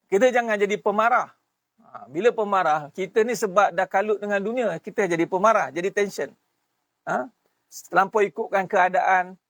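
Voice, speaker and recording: A middle-aged man with a Malaysian Malay accent giving a casual religious talk, shifting between soft asides and sudden raised bursts. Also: high voice, no room sound, clean studio sound. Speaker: religious teacher.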